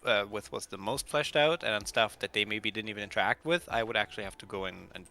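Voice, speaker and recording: A man guesting on a casual chat, relaxed and agreeable, thinking out loud about designing a game world. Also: on the low side, fast talker.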